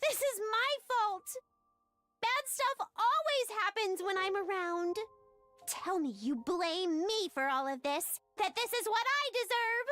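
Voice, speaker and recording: An actress voicing a manic, cheerful young woman in a game, speaking softly and wistfully in a high girlish voice, with game music faint behind her. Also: animated, slow, full character voice. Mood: sorrowful. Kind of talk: game voice acting.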